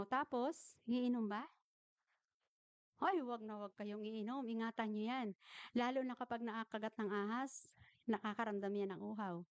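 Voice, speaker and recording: A woman giving an animated talk to an audience, asking questions and telling anecdotes. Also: a little high, no echo. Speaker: health speaker at a church gathering. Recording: dull, slightly muffled recording.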